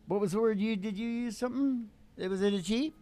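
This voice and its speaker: This older man hosts a podcast and plays music, and here he rambles casually in a folksy style, repeating his phrases a lot. His high-pitched voice is fast and dark in tone. Recorded on a stand microphone in a small indoor studio with a curtained stage, the clip has acoustic guitar strumming underneath.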